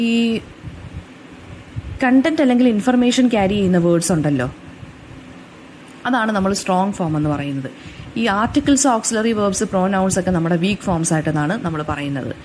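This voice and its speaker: A woman with a Kerala accent explaining English phonetics for exam notes, stopping often with fillers and saying English example phrases slowly. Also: medium pitch, darkish tone, slight background noise. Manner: frequent fillers and self-restarts. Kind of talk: exam-notes lecture in Malayalam.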